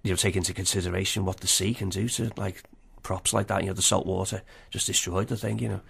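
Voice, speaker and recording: A man's voice: deep voice, fairly even intonation, fast talker, gravelly, fairly bright tone, husky. A man with a Liverpool accent chatting informally as an interview guest, peppering his talk with 'you know'. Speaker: interview guest, film fan and exhibitor. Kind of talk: casual chat.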